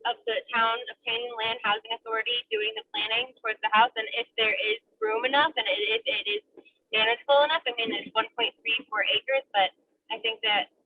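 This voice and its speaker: A woman's voice: on the high side, fairly even intonation, fairly quick. A woman serving as committee liaison, calling into a meeting by car speakerphone while driving, speaking hesitantly with many fillers and restarts. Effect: car speakerphone call. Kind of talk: remarks at a public committee meeting. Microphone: phone speakerphone. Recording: tinny phone line, distant, faint road noise.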